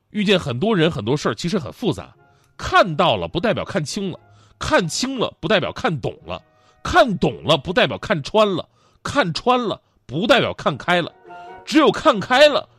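A man's voice: a little high, fairly bright tone, slightly rough. A man hosting a talk show, telling a humorous story in a chatty manner that often stammers and repeats words.

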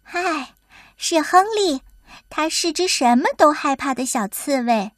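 A woman's voice: high voice, lively intonation, unhurried, dry recording, clean studio sound, voice pushed up. A woman voicing a chirpy little female blackbird who talks in a coaxing way.

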